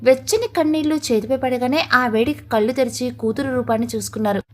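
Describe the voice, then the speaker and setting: A woman's voice: sits high, fast talker. A woman storyteller reading a dramatic family story in an emotive, scripted narration.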